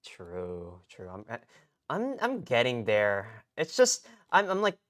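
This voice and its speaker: A man's voice: medium pitch, wildly swooping pitch, slow pace, a bit bright. A man chatting on a late-night live stream, rambling in slang and often cutting himself off mid-sentence. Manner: rambling, slangy, self-interrupting.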